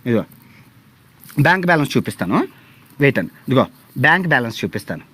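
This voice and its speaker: Fast-talking sarcastic Telugu man. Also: medium pitch, sing-song, a bit bright, dry recording. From India. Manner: sarcastic, pleading, theatrical. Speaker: travel vlogger on a livestream. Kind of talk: mocking livestream rant.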